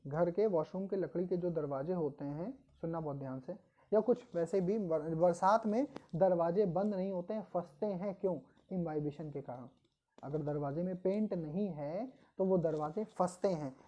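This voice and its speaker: A woman teaching biology for an exam-prep class, reading English definitions slowly and explaining them in Hindi, asking the class questions and answering them herself. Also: mid-range voice, mellow. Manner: addresses students as "beta". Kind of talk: online coaching lecture in Hindi mixed with English terms.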